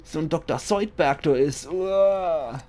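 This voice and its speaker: A man with a Palatinate German accent does a let's play of a horror game, joking and chatting to himself as he comments on the action. His voice is mid-range with a darkish tone, and he talks a little slowly in this casual gaming commentary.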